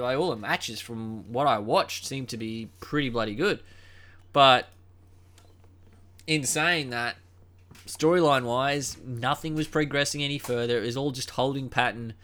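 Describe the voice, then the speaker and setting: A young man hosting a solo podcast in a casual, rambling way, full of ums and uhs and a flat, unimpressed tone. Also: medium pitch, unhurried. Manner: unenthusiastic, dismissive. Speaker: podcast host.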